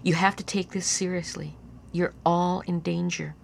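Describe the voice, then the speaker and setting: A dying old grandmother from a storybook, as a woman reads her lines, grave and worried. She speaks slowly and solemnly, in a low, gravelly voice. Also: fairly even intonation, a little hiss or hum.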